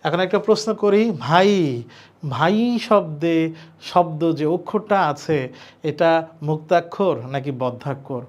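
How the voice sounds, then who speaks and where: Male admission-prep teacher, fairly high voice, step-by-step lecturer. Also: a little slow. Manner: explains step by step, asks and answers his own questions. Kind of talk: classroom lecture.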